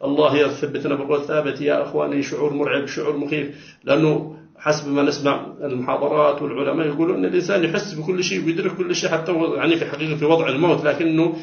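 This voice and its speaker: A man's voice: fairly high pitch, steady tone, very fast, creaky, echoey room, muffled recording. A man telling his own near-death story with dramatic emphasis, repeating words and pleading with his listeners. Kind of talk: emotional personal testimony. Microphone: phone.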